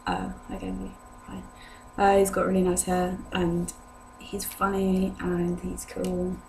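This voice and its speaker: A young British woman, a vlogger answering viewer questions, speaks to camera with a fairly low, monotone, slightly mellow voice at a measured pace. She has a sore throat that pulls her voice lower than usual, so she chats casually and hesitantly, rambling along. It's a noisy home recording with a hum.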